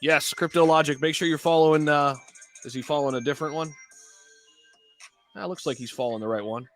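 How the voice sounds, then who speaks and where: A man's voice: on the high side, fairly quick, soft background music. A man hosting a casual crypto livestream, talking to viewers in hyped, slangy crypto bro style.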